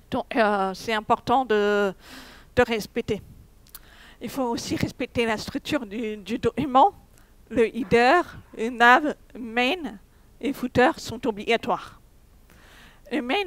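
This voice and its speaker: A woman's voice: on the high side, fairly bright tone, dry recording. A young woman giving a technical conference talk, hesitant, with many fillers and restarts. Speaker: conference speaker. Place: conference hall.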